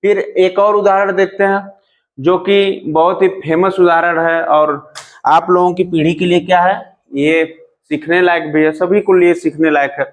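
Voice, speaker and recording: A man teaching a grammar lesson, asking and answering his own questions, calling students "beta" and reciting verse lines slowly. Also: high-pitched, fairly even intonation. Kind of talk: classroom-style grammar lesson.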